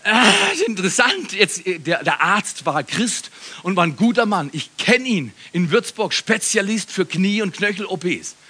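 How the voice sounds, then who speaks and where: A middle-aged man preaching a sermon to a congregation, animated, swinging between loud appeals and hushed passages, often asking the listeners questions. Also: high-pitched, moderate pace, breathy edge. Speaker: pastor. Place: church service before a live congregation.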